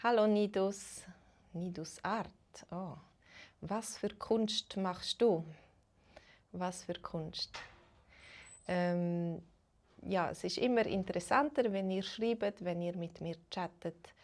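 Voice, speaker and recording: A woman's voice: lowish voice, darkish tone. A woman from Switzerland who teaches Swiss German, chatting casually with live-stream viewers and greeting them one by one. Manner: greets chat viewers, slow and unhurried, switches between English and German.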